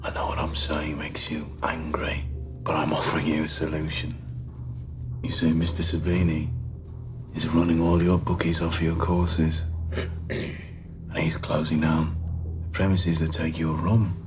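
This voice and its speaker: Cold Birmingham gang boss. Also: male voice, a bass voice, monotone, unhurried, long pauses, music in the background. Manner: terse, level and controlled, clipped threats. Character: cold, composed Birmingham gang leader, young adult man.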